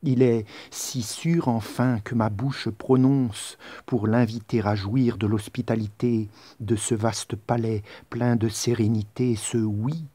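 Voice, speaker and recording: Defiant young queen declaiming verse, man reading her part, slow and dark, kinda husky. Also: mid-range voice, no echo.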